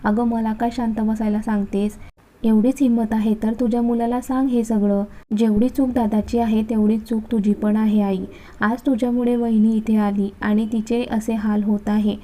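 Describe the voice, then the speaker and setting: A woman voicing an outspoken, sharp-tongued young sister who speaks bluntly. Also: fairly high pitch, level tone, normal speed, lightly acted. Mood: angry. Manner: blunt, scolding.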